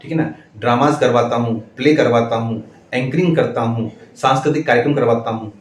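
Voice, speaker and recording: A male schoolteacher telling viewers a story in a measured, deliberate way, with steady pauses, addressing them as friends. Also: medium pitch, roomy sound. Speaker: schoolteacher and channel host.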